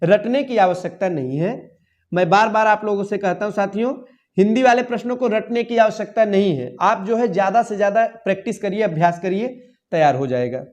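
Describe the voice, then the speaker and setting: A young man with a fairly high-pitched voice explains exam answers one by one. He talks to his students as friends, poses each question himself and then settles it. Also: fairly quick, darkish tone. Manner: addresses listeners as "saathiyon", asks and answers his own questions. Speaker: Hindi exam tutor.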